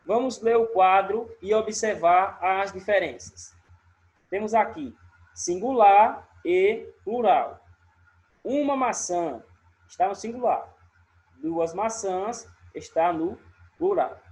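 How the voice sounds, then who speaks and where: A man with a Sergipe Brazilian accent teaching a recorded remote lesson, explaining step by step and often checking in with a quick question. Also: high voice, darkish tone.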